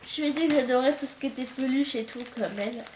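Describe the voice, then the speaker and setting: A chatty woman with a slightly high voice talks casually through an unboxing, full of fillers and happy outbursts. She is recorded on a camcorder in an echoey room with a faint hiss behind her. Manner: chatty, many fillers and restarts, excited exclamations. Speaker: book vlogger.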